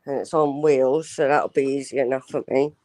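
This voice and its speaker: A man's voice: medium pitch, fairly even intonation, moderate pace, a little mellow. A man chatting casually in an informal, self-deprecating way. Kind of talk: casual chat.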